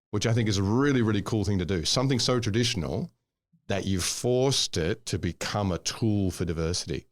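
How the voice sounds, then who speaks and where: Host, male, 50s, very deep and dry, thoughtful. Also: dry recording. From Scotland, raised in Australia. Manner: reflective, affirming, builds on guest's points. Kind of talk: casual interview talk.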